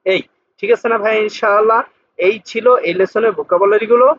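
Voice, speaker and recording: A man teaching Japanese vocabulary, patiently repeating each word slowly to drill its pronunciation. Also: high-pitched, steady tone, fairly bright tone, slightly rough, no room sound. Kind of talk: vocabulary lesson explanation. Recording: dull lo-fi sound.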